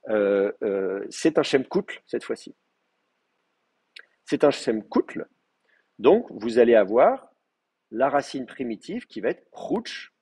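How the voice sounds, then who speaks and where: A man's voice: medium pitch, sing-song, slow pace, long pauses, dark tone, husky. A male teacher giving a live class, explaining step by step with many fillers and checking that students follow.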